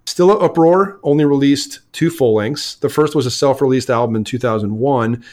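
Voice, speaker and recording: A man's voice: mid-range voice, normal speed, darkish tone. A man co-hosting a casual music podcast, talking with enthusiasm, often stammering and restarting his sentences. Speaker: podcast co-host.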